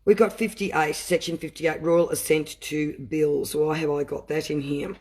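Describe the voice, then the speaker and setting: A man with a voice that sits on the higher side reads out dry legal clauses at a careful pace. He keeps breaking off into fervent, emotional commentary aimed straight at his listeners. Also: fairly even intonation, darkish tone. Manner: deliberate reading broken by impassioned asides. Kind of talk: reading aloud and commenting.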